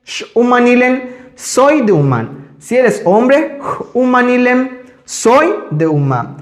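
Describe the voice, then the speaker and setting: A man teaching a language lesson, speaking slowly and carefully when he pronounces each example. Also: high-pitched. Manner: slow, careful pronunciation of examples. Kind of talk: scripted lesson.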